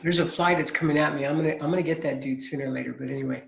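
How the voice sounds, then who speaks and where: Speaking very fast in a gravelly voice on the high side, a college accounting instructor in his forties introduces himself to his class. The Californian keeps it relaxed and chatty, full of fillers. His computer mic on the video call produces echoey, muffled audio.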